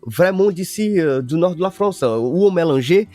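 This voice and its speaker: A man with a high, animated voice speaks at a moderate pace, his tone a little mellow, with faint music in the background. He's a native Portuguese speaker from northern Brazil appearing as a guest musician on a radio interview, and he sounds hesitant, full of fillers and restarts.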